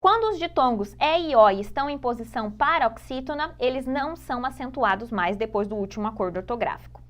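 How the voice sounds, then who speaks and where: A Brazilian woman teaching a Portuguese grammar lesson for exam prep, explaining patiently, repeating key points and drawing out example words slowly. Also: a little high, lively intonation. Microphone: phone.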